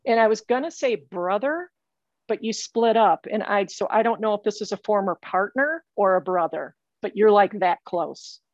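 Woman psychic medium, halting and repetitive, dry close sound, dull lo-fi audio. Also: medium pitch, no echo. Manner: halting, repeats phrases, earnest and insistent. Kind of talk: psychic reading session. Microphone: remote call.

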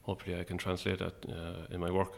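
Male, Irish midlands accent, very low gravelly voice, hesitant, low-key, casual interview chat. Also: completely flat delivery, quick pace. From Longford, Irish midlands. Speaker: interview guest, playwright.

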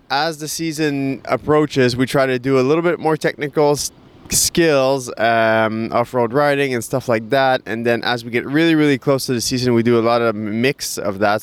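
A man's voice: mid-range voice, clean tone. A man, a cycling coach, casually answering fan questions outdoors in a parking lot, talking over passing truck noise.

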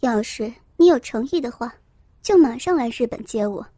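A woman's voice: on the high side, lively intonation, normal speed, dark tone, no echo, clean studio sound. A woman voicing a proud young woman who speaks coldly and with scorn. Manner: cold and scornful.

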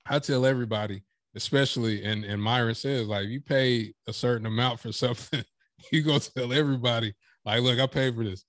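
A man's voice: medium pitch, brisk, no echo, clean studio sound. A man guesting on a podcast as a professional speaker, chatting casually and emphatically, acting out quotes as he makes his points. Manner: animated, emphatic storytelling with acted-out quotes. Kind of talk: casual interview chat.

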